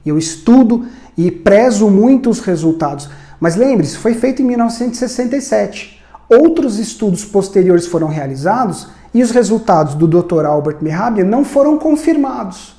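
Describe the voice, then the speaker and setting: Mellow man explaining in an echoey room. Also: high-pitched. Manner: conversational, with rhetorical questions and tag questions. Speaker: communication instructor. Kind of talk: educational explainer video.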